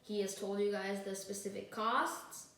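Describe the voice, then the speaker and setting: A woman's voice: medium pitch, steady tone, normal speed, fairly bright tone, slight background noise. A woman speaking as a student attorney in a mock trial, giving an earnest, emphatic closing argument. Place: echoey indoor room, recorded from a distance. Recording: very echoey room, distant microphone.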